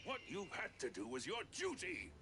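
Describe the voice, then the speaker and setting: An actor playing a sharp-tongued, bitter male village chief with a gravelly voice. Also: sits high, huge pitch swings, normal speed, very noisy.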